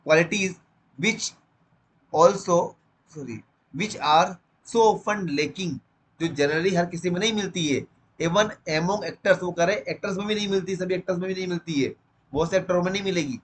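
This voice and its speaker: A man teaching a literature lesson line by line. He reads the English text slowly, then explains it quickly in Hindi. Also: high voice, a little hiss or hum, rough recording.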